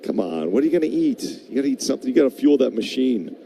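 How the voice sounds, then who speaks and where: An American man provides chatty, emphatic color commentary on a live baseball broadcast, bantering and analyzing informally. His mid-range voice is warm and sing-song with vocal fry, very fast, with slight background noise.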